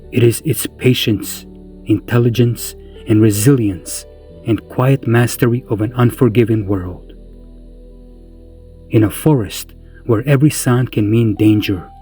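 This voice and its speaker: A man narrating a scripted wildlife documentary in a measured, solemn way with deliberate phrasing. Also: medium pitch, mellow.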